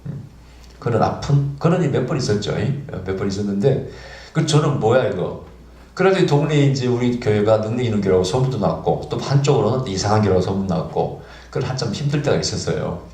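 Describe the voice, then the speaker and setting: Lively storytelling pastor, echoey church. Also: male voice, lowish voice, quick pace. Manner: animated, acts out dialogue in the story. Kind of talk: storytelling sermon.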